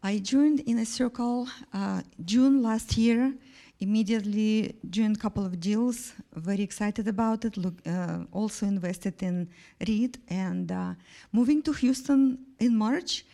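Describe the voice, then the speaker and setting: A woman from Russia introducing herself to an investor group, eager and a bit halting. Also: medium pitch, gravelly, warm tone. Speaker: investor club member.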